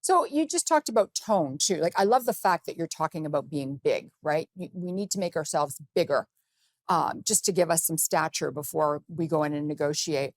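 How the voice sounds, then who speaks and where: Lower-voiced female host, dry sound. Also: normal speed, no echo. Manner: affirming, conversational. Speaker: talk show host. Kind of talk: hosting an interview.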